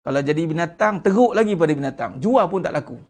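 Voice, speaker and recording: A middle-aged man with a Malaysian Malay accent, preaching a sermon in a blunt, lively way and acting out the people he quotes. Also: a little high, fast talker. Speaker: religious teacher.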